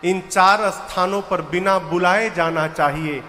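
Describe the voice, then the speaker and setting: Bright high-voiced male storyteller. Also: steady tone, a little slow. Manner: folksy storytelling with humorous asides; chants verses in a singing voice. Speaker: religious storyteller. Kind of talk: devotional story sermon. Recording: reverberant live hall with faint music.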